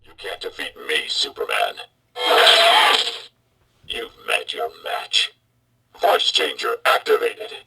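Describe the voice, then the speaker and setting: Morphing voice-changer man, sharp and gravelly, slow and sing-song, heard from a toy speaker away from the mic. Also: huge pitch swings. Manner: slow menacing toy phrases. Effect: electronic voice changer morphing the voice very deep. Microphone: toy helmet speaker heard from off the mic. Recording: distant toy speaker with faint noise.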